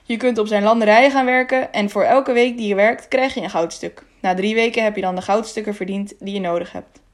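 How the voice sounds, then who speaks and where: A woman's voice: medium pitch, steady tone, fairly quick, lightly acted. A woman voicing a stern middle-aged toll guard who lectures in an officious, indignant manner.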